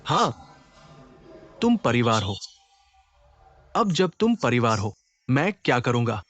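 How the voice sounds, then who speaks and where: A man's voice: mid-range voice, big pitch swings, slow pace, a bit bright, no room sound, heavily acted. A man dubbing a stern, aloof young billionaire CEO in a TV drama, speaking curtly and coldly. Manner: curt and cold. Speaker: boss. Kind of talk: Hindi dub of a TV drama.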